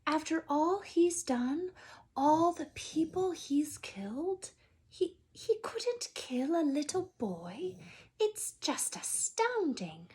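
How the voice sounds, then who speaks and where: A woman's voice: high voice, very animated, slow, darkish tone, pitched above the performer's own voice, heavily acted. A woman voicing a stern, anxious older witch professor from a storybook, emphatic and incredulous. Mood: astounded.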